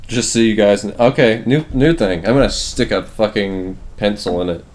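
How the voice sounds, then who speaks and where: A man's voice: lowish voice, normal speed, darkish tone. A man playing a tabletop game, joking casually and swearing. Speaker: player.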